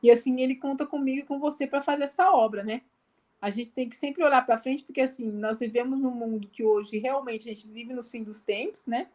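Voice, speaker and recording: Speaking briskly in a slightly high, steady, somewhat mellow voice, a guest missionary with a Brazilian Portuguese accent recounts her testimony over a live video call. Her telling is conversational and filler-heavy, and she performs the lines she quotes.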